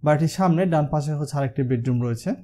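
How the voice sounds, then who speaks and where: Fast-talking Bangladeshi house designer. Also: male voice, fairly high pitch, warm tone. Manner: walkthrough explanation with the filler হচ্ছে used often. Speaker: house designer presenting his channel. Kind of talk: explaining a house design over a 3D model.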